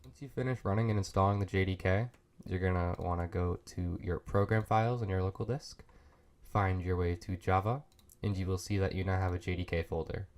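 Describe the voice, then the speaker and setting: A man's voice: low-pitched, steady tone, a little fast, a little mellow. A man with a sick voice walks through a coding tutorial in a casual, apologetic way, recorded at a home computer desk. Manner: loose and apologetic, talks while clicking through steps. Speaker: tutorial host.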